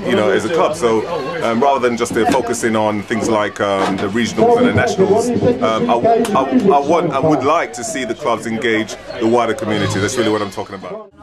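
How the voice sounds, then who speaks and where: A man's voice: medium pitch, animated, a little fast. A man, answering casually and hesitantly, repeating himself as he explains. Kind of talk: casual interview. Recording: loud music and crowd noise behind.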